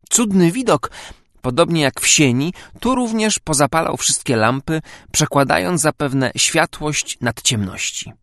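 A man with a mid-range voice narrates an audiobook, reading a script in a measured, expressive storytelling style. The recording is dry, with clean studio sound.

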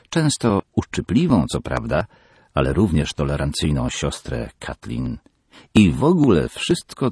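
An expressive male audiobook narrator with a very low, husky, gravelly voice. His delivery is animated and full of emphasis, recorded dry and close. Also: no echo. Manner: expressive storytelling with lively emphasis. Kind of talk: scripted narration.

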